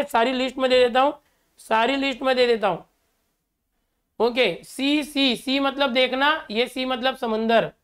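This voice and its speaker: A man's voice: very high-pitched, fairly bright tone, clear, resonant tone. A middle-aged Indian man teaching a class, who explains each word and repeats it, then asks the students to say it back. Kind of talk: classroom lecture.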